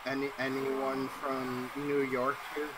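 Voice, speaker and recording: A man's voice: medium pitch, monotone, slow pace, heavy background noise. A man in his twenties chatting casually, rambling and slipping into silly voices. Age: 20s. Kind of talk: casual chat. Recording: loud game music underneath.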